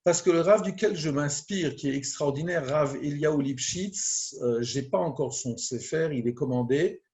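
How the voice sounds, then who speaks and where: A man, a rabbi, teaching a prayer text in a slow, deliberate way, reading Hebrew phrases and translating them one by one. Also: fairly high pitch, a little mellow.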